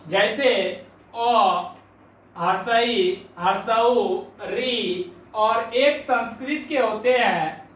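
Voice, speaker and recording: A man's voice: very high voice, a bit bright, a little hiss or hum. A male Hindi grammar teacher giving a classroom lesson, asking questions and answering them himself and repeating key points. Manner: frequent filler "jo hai". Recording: echoey room, voice from a distance.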